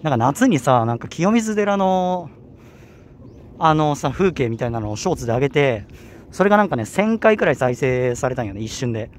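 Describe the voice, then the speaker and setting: Young male vlogger, Kanto accent, rambling and self-correcting, mid-pitched, light outdoor hiss. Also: very animated, moderate pace. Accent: Kanto Japanese. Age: young adult. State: slightly out of breath. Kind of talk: casual walking vlog. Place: outdoors on a hilly university campus. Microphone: handheld camera.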